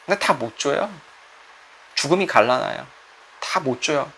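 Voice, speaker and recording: A man's voice: medium pitch, expressive, moderate pace, vocal fry, sharp tone, slight background noise. A middle-aged man, a pastor, giving a conversational sermon that acts out quoted voices and puts questions to the listeners.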